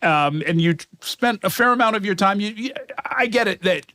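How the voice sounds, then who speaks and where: A man hosting a television sit-down interview, chatting in a halting, conversational way full of fillers. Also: high-pitched, expressive, pushed and bright, dry recording. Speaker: interviewer, show host.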